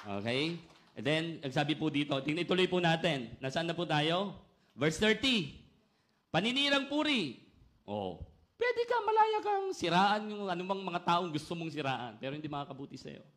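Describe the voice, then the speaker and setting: A middle-aged man preaching a sermon loudly and energetically, often calling out "Amen?" to the congregation. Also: on the high side, moderate pace. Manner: loud, energetic preaching with call-and-response "Amen?".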